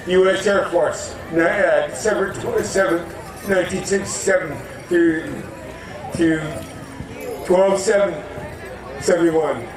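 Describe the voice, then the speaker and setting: A man giving a halting, formal introduction of himself. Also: high-pitched, background noise. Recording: echoey, distant mic, music behind.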